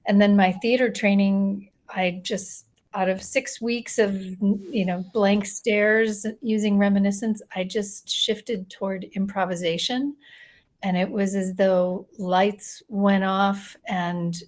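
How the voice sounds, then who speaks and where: A woman speaks earnestly on a panel as an artist and care expert. Her tone is reflective. Her pitch sits in a middle range. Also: steady tone, slow, a little mellow. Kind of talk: panel answer.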